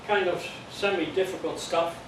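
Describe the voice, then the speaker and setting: Teaching an electronics class as an amateur radio course instructor, an older Dutch-accented man from the Netherlands explains patiently and plainly, step by step, with jokes and check-ins. His voice is slightly high for a man, with a steady tone at normal speed. The lecture is picked up from across a very echoey room with clear background hiss.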